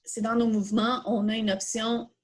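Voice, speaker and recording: A slightly high, level-toned woman's voice at normal speed carries a Quebec French accent. As a coding workshop instructor, she works through an informal tutorial step by step, asking herself questions and explaining the answers.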